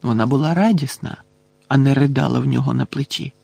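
A man narrating a novel in a measured storytelling manner. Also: mid-range voice, vocal fry, darkish tone, slightly rough, no room sound. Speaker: audiobook narrator.

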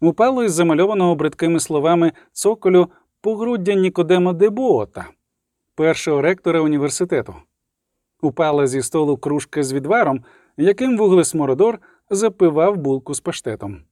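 A man reading a fantasy story aloud as narrator in a steady, expressive way. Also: fairly high pitch, a little fast, no room sound, studio quality. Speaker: audiobook narrator.

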